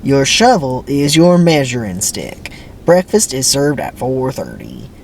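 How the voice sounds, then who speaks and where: In a dramatic script reading with background noise, a man plays a stern, menacing prison camp boss in his forties, taunting with drawn-out, swooping commands. His medium-pitched voice is very animated, gravelly, and a little mellow, and the mood is gruff and commanding.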